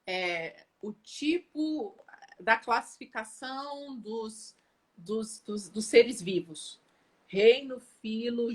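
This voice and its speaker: A woman educator talking casually on a live stream, lively, often repeating words and checking whether listeners follow. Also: fairly high pitch. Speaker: educator and guest on an Instagram live.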